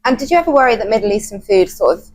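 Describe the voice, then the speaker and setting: A woman's voice: medium pitch, lively intonation, rapid-fire, darkish tone, rough recording. A woman interviewer asking questions and giving short encouraging replies. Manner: brief encouraging backchannels.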